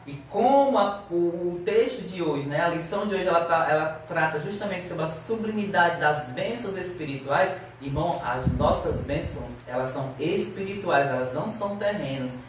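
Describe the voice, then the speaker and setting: Man, high voice, Bible class teacher, earnest and exhorting, very echoey church hall, distant mic. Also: normal speed, few pauses, a little hiss or hum. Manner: earnest, exhorting with rhetorical questions. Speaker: Sunday Bible school teacher.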